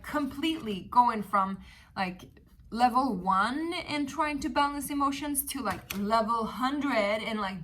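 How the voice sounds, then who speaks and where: Laughing a lot and leaning on plenty of fillers, a Swedish-accented woman, Swedish being her first language, delivers a chatty, meandering tarot reading. Her mid-range voice is bright and forceful, with slight noise in the background.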